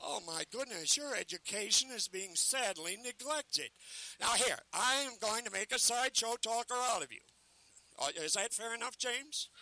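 A man working as a carnival sideshow talker, pitching live to a crowd in teasing, declamatory showman's patter. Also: animated, moderate pace, bright, forceful tone, no room sound, poor audio.

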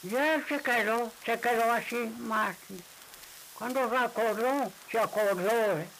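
A man telling a folk tale aloud, rambling and halting, repeating his phrases. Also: very high-pitched, a bit bright, a little hiss or hum, rough recording. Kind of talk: oral folk tale storytelling.

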